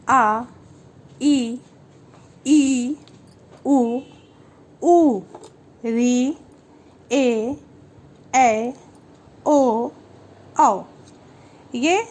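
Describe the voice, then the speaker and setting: A woman with a fairly high, somewhat dark voice teaches a Hindi lesson slowly and patiently. She explains things step by step, repeats each term, and asks the viewer questions.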